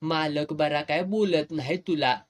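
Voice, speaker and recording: Man reading as a careful, fretting village dad, slightly raised pitch, storybook. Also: measured pace, close to an everyday voice. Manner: cautious, questioning. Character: worried poor village father, cautious.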